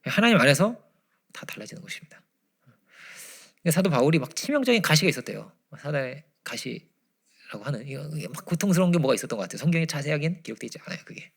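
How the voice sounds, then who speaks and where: A man preaching a Friday prayer-meeting sermon, swinging from loud emphasis to hushed near-whispers. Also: on the high side, very animated, quick pace, creaky, breathy edge. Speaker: pastor. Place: church.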